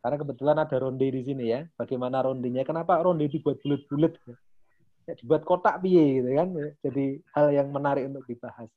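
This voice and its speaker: A man's voice: mid-range voice, quick pace, narrow, tinny audio. A man, casually explaining teaching ideas to teachers on a video call. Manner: casual and chatty, ends phrases with Pak. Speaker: teacher trainer leading an online session.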